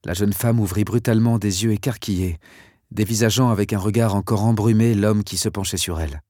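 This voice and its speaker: Low-voiced male audiobook narrator. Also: no echo, clean studio sound. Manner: measured, steady storytelling. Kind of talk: scripted narration.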